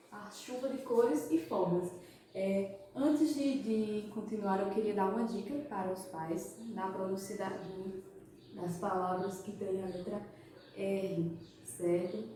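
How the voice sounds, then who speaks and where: A woman teacher with a Brazilian Portuguese accent giving a children's English lesson, asking and answering her own questions and stretching out English words slowly. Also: medium pitch, mellow. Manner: slow, exaggerated pronunciation of English words. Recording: echoey room, far from the mic.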